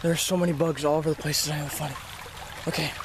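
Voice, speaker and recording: A man with a slightly high voice talks off the cuff as host of an outdoor wildlife vlog. He is informal and exclamatory, swearing freely and addressing his viewers. The handheld camera picks up faint outdoor noise around him. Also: steady tone, racing. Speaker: host of amateur snake-catching vlog. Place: outdoors by a creek in weedy woods. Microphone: handheld camera held by the speaker.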